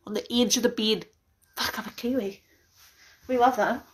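A young Australian vlogger unboxes something on a phone live stream from her small, cluttered bedroom, the phone camera propped on a mug. Chatty and giggly, she rambles and laughs often. Her voice is on the high side with fairly even intonation at normal speed, with a little hiss or hum in the audio.

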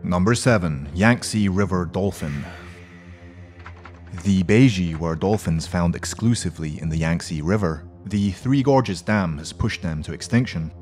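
Deep-voiced male countdown narrator. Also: a little slow, darkish tone, faint music behind. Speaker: host and narrator. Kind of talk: scripted list narration.

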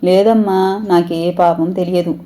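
A woman's voice: on the low side, fairly even intonation, measured pace, dark tone, close to an everyday voice. A woman voicing a meek, frightened young wife who pleads timidly and tearfully. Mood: pleading.

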